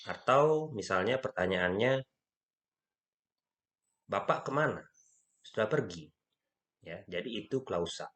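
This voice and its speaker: A man lecturing on grammar, speaking slowly and stressing key terms, with frequent fillers as he explains. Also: sits low, pushed and bright. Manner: slow, stressing key words, frequent "ya" and "nah".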